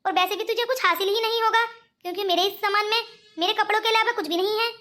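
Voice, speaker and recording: A woman's voice: very high-pitched, steady tone, quick pace, sharp tone. A woman voicing a scheming rich old grandmother in a cartoon, speaking in a coaxing manner. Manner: coaxing, calls others 'beta'. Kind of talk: cartoon voice acting.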